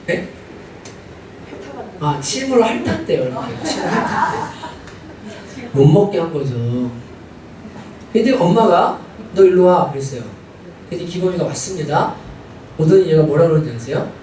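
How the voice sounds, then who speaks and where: A man with a high voice preaches a sermon, moving from storytelling into fervent, loud exhortation. He is heard from some distance in a very echoey church sanctuary. Faint ambient noise sits under his voice. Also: big pitch swings, moderate pace, long pauses. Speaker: pastor. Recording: very echoey hall from far off.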